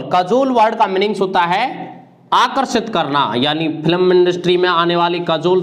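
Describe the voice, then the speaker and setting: High-voiced guy from india teaching vocab for exams, says every word and meaning like five times. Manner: repetitive, drills each word and meaning. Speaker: English teacher. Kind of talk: exam-prep vocabulary lesson.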